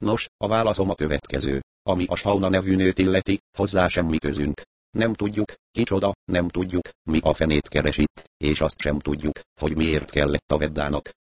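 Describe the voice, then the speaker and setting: A man voicing a calm, mocking male crime boss who threatens with smooth sarcasm. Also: sits low, no room sound. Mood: coolly threatening.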